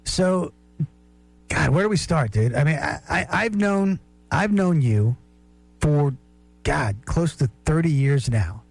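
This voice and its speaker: A man's voice: on the high side, expressive, slow, creaky, long pauses, breathy edge, no room sound. A man hosting a casual interview, friendly and stumbling over repeated words, sounding distant as if on speakerphone. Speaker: podcast host.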